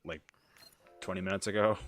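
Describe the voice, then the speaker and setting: Very deep-voiced teasing guy. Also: fairly even intonation, brisk, a bit bright. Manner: teasing, jokey. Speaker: co-host. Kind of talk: casual gameplay chat.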